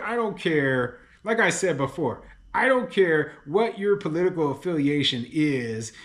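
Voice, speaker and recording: Chatty, opinionated landlord, slightly higher voice. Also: male voice, a bit bright. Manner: chatty, laughs often, many fillers like "you know" and "okay"; opinionated and exasperated. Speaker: landlord and real estate commentator. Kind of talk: casual commentary reading a news article.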